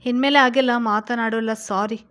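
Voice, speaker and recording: A young student wife, as a woman reads her aloud, pleading and hurt in a storybook reading. She speaks a touch higher and louder than the narration. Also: fairly even intonation, normal speed, lightly acted.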